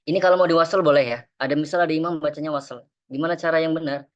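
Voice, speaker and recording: A man's voice: on the high side, fairly even intonation, highs cut off. Patient man teaching Quran recitation. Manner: patient, explains then recites verses slowly in melodic chant. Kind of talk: online tajwid class.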